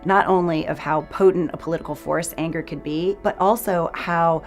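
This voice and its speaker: Lower-voiced woman giving earnest event remarks. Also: fairly even intonation, normal speed, soft background music. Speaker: event organizer. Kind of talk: opening and closing remarks.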